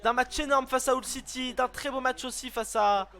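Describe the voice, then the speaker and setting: A man calls a football video game match play by play in a very high, bright and forceful voice. He is excitable and breaks into shouts whenever a goal goes in. He often trips over his words and corrects himself mid-sentence. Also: normal speed. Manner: excitable, bursts into shouts at goals. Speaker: gaming YouTuber.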